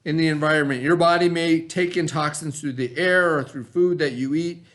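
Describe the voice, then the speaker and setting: A male elementary teacher with a slightly high, steady voice, a bit bright, speaks at normal speed. He explains vocabulary to young children in a read-aloud lesson, instructively spelling and sounding out words and checking in with "right?".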